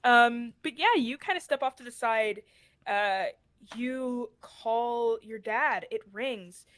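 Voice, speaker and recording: A woman's voice: a little high, slow, a bit bright, no room sound. A woman narrating as the game master of a tabletop game, casual and giggly.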